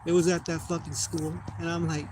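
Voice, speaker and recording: A young American vlogger rambles through a casual monologue, swearing a lot and losing his train of thought. His voice is on the high side with a level, darkish tone at a fairly quick pace, over a noisy background.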